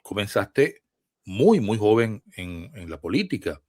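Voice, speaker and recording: Brief: Venezuelan male host, low voice, dry close sound, thoughtful measured questions. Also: very animated, darkish tone, no room sound. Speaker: interviewer, host. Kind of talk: remote interview questions.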